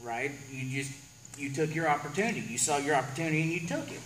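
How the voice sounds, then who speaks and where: High-pitched male wrestling promo host, echoey. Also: fast talker, a bit bright. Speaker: wrestling show host, interviewer. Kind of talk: wrestling promo show rundown and interview. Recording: echoey room with faint background noise.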